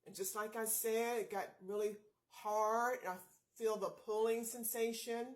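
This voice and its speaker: A woman's voice: a little high, steady tone, unhurried, low-quality recording. A woman hosting a casual skincare tutorial vlog. She is chatty and upbeat, often talking straight to her viewers as "you guys". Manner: upbeat, encouraging pep talk. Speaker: beauty vlogger host.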